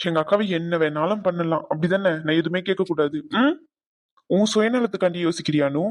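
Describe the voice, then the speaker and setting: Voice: mid-range voice, fairly quick, natural voice. A performer voicing a hot-tempered young husband in a cartoon family drama, curt and angry.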